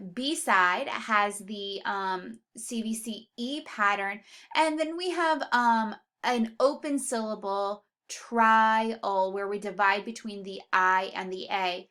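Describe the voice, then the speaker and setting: Woman teacher, bright tone, slow measured delivery, stretches out example words for young spellers. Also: mid-range voice. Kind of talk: spelling lesson for students.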